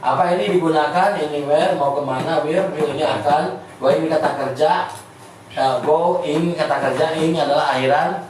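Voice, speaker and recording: A man with a Sundanese accent teaching an informal class, chatty and halting, often repeating words. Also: fairly high pitch, darkish tone. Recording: echoey room, distant mic, faint noise.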